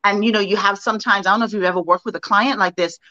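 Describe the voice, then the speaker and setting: A woman co-hosting a podcast, talking in a casual, animated way and asking her co-host for her thoughts. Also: medium pitch, racing, dry recording. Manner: animated, conversational, asks her co-host questions. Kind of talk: casual discussion. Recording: dull lo-fi sound.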